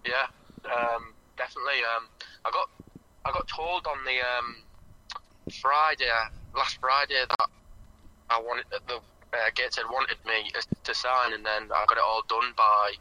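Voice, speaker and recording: A young man, a footballer calling in to a podcast, heard over a phone on speaker, answering in a halting, modest way with lots of "um" and "like". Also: medium pitch, fairly even intonation, bright, forceful tone, a little hiss or hum, rough recording. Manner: halting and modest, filling gaps with "um" and "like". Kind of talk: casual phone-in interview.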